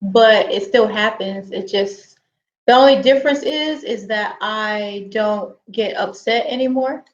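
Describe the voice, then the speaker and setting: A woman's voice: mid-range voice, a little slow. A woman in her forties, co-hosting a casual couple chat, blunt and teasing. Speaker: co-host. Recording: echoey room, dull lo-fi sound.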